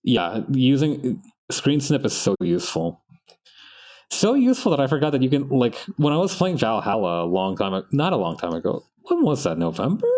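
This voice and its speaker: A young man, a native Spanish speaker, streams his drawing practice while chatting casually and ramblingly, often stopping mid-sentence to laugh. His voice is mid-range and a little mellow.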